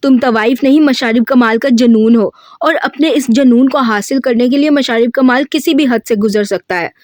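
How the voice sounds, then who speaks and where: A woman's voice: fairly high pitch, moderate pace, no room sound, clean studio sound, close to an everyday voice. A woman voicing a hot-tempered, possessive young man in a novel reading. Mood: angry. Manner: forceful, commanding.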